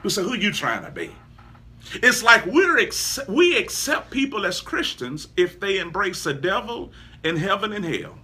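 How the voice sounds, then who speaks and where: A man preaches with a high, very lively voice. His tone is bright and forceful. He is emphatic, rising to shouts and dropping to quiet asides, often with a laugh. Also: moderate pace. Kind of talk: sermon.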